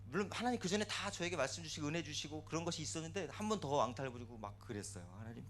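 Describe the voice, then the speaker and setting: A man preaching in a church, telling his own story in a rush with a fairly high voice. He acts out his tearful prayers aloud as he goes, and the feeling runs high. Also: expressive, racing, fairly bright tone. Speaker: pastor. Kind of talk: testimony sermon.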